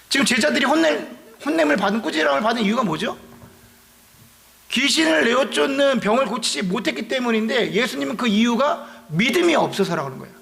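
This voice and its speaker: Gravelly high-voiced Korean pastor preaching. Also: male voice, fairly bright tone. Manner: conversational, explanatory, asks rhetorical questions. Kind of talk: sermon.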